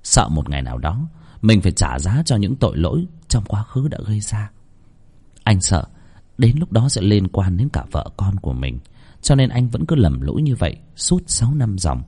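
A man narrating a horror story in an expressive, suspenseful way. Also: on the low side, moderate pace, husky. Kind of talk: dramatic horror story reading.

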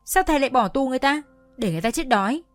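Một người phụ nữ đọc lời một cậu bé hiền lành, nói giọng nũng nịu, phụng phịu. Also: female voice, fairly high pitch, a little fast, no room sound, soft background music, close to an everyday voice. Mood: pleading. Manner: coaxing, childishly indignant. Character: older boy, soft-hearted and pleading.

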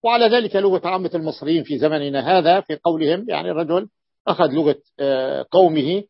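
A man from the Levant with a Levantine Arabic accent, a sheikh giving a classroom lecture and repeating words slowly to stress them. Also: on the high side, creaky, dry recording. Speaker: sheikh teaching grammar. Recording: dull lo-fi recording.

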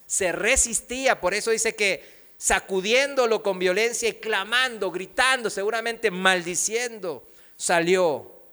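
A man's voice: high-pitched, pushed and bright, clear, resonant tone. A man preaching a sermon in church, reading scripture and asking the congregation rhetorical questions. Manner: preaches slowly with emphatic pauses and rhetorical questions.

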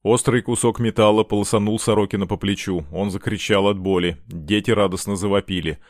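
Low-voiced man narrating an audiobook. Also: fairly even intonation, fairly quick, a little mellow, dry recording, clean studio sound. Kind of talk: scripted narration.

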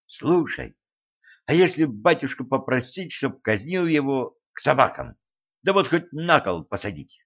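A man's voice: medium pitch, sing-song, a little slow, fairly bright tone, breathy edge, highs cut off, voice pushed up, full character voice. A man reading an audiobook, voicing a haughty, spoiled young tsarevna who talks in a brash, mocking, folksy way. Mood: boastful.

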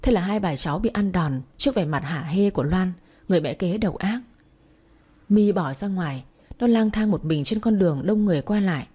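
A woman narrating a Vietnamese audio story in an even storytelling manner. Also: on the low side, a little fast, breathy edge. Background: faint music.

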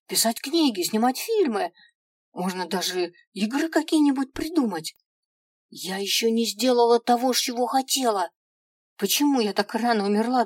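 A woman's voice: mid-range voice, no echo, clean studio sound, close to an everyday voice. A woman voicing a stubborn, hot-tempered young female thief who protests insistently, in a storybook reading.

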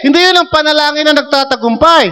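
A male pastor preaches in a high, bright voice that carries a long hall reverb. He keeps the sermon conversational, teasing the congregation and asking them questions. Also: fast. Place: church hall.

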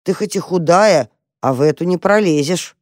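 A storyteller voicing a brave, curious young male mouse who talks briskly and takes charge. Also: medium pitch, dry recording, studio quality, natural voice. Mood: eager, impatient. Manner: lively, bossy, impatient.

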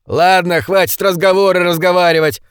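A man's voice: sits high, flat delivery, moderate pace, smooth, no echo, studio quality, pitched above the performer's own voice, close to an everyday voice. A man reading an audiobook, voicing a hostile armed gang man who barks threats and orders. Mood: menacing.

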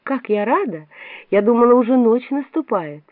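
A woman's voice: on the high side, expressive, normal speed, no echo, pitched above the performer's own voice, close to an everyday voice. A woman reading a storybook aloud, voicing a polite, curious young girl who asks earnest questions. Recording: tinny, phone-like, dry.

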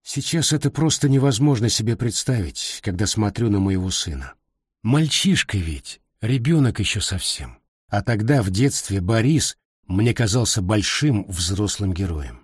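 Husky, measured middle-aged man reading. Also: on the low side, no echo, clean studio sound. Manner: calm, reflective, measured. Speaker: narrator. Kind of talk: reading a personal memoir aloud.

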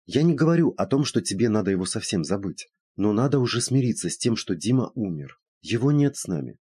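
The character is a woman friend, sharp and doubtful, poking fun and giving lectures, played by a male reader in a high, husky-tinged, energetic voice. The audio is dry and intimate.

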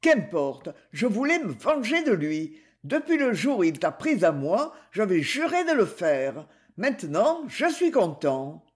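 A woman's voice: mid-range voice, sing-song, unhurried, hardly any pauses. A woman reading aloud, voicing a jealous, vengeful male bandleader who speaks coldly and cynically. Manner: cold, cynical.

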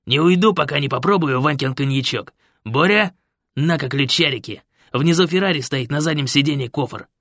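Brash slangy biker voiced by a male narrator, raised pitch, dry close sound. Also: normal speed, a bit bright, dry recording. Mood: boisterous. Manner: slangy, bossy and boisterous. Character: brash loud male biker designer Fred, pushy, jovial. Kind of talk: audiobook character voice.

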